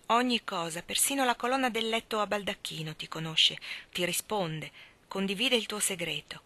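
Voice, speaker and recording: Bright-voiced woman reading a story aloud. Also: medium pitch. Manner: measured, expressive, often dropping to a whisper. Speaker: narrator.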